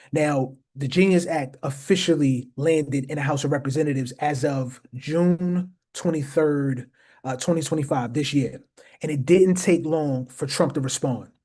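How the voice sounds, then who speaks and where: A man's voice: on the high side, darkish tone, slightly rough. A man hosting a casual explainer talk, speaking emphatically to his viewers and often repeating phrases for stress. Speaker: host.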